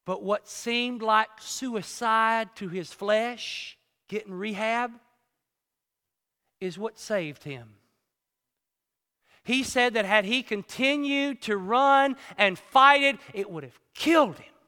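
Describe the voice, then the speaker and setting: A man preaches in a church sanctuary, telling a homespun story that moves from loud emphatic lines to hushed ones. His voice is high and smooth, with a clear, resonant tone. The sound carries a long reverb from the hall. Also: takes it slowly. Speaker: pastor. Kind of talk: sermon.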